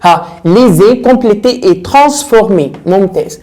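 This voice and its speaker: A young man with an Egyptian Arabic accent teaching French grammar in a casual, lively way. He keeps repeating words and putting questions to his students. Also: high-pitched, brisk. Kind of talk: casual classroom lesson.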